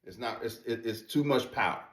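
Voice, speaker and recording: A man demonstrates duck calls casually, his medium-pitched voice moving fairly quickly. The talk is folksy and emphatic, with phrases said again and again, and the room echoes.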